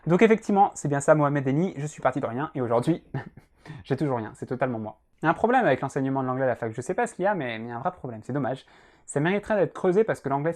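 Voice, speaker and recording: A young man in casual commentary, reacting to student jokes as a law teacher, chatty and self-mocking, with many fillers. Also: fairly high pitch. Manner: chatty, self-mocking, frequent "euh" and "hein".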